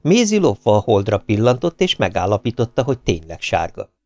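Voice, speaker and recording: Expressive male audiobook narrator. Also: lowish voice, no room sound. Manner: expressive, lively reading. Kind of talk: scripted narration.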